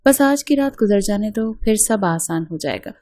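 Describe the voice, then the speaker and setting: A confident young husband who talks in a smooth, persuasive way and holds his ground, as read by a woman narrator. The voice is soft and a little breathy. It sounds like a spoken storybook. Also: medium pitch, animated, dry recording, natural voice.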